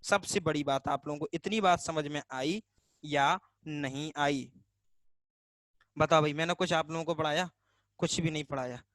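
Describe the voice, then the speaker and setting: A man's voice: fairly high pitch, a little fast, a bit bright, dry recording. A male teacher gives a casual online grammar class, asking the class questions and answering them himself, repeating key terms to drill them. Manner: casual and chatty.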